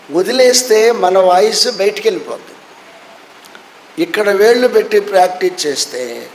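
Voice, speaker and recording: A man's voice: high-pitched, a little hiss or hum, low-quality recording. A man in his sixties, a pastor, preaching a sermon that he tells as a story and acts out with voiced quotes. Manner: animated storytelling with acted quotes. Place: church hall.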